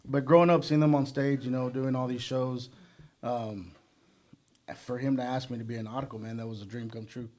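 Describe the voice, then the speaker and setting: Male guest from Texas, mid pitch, earnest, casual storytelling, conversational filler phrases. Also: fairly even intonation, a little fast, a little mellow. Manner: earnest, peppers speech with "you know". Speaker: band member, interview guest.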